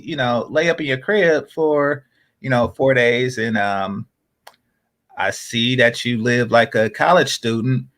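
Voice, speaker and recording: On a casual podcast, a man rambles along with lots of fillers and false starts, frequently slipping into low, quiet asides.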